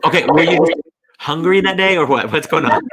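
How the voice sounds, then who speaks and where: A man's voice: a little high, lively intonation, fairly quick, fairly bright tone. A man hosting a casual interview, playful and enthusiastic with frequent jokes. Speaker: host.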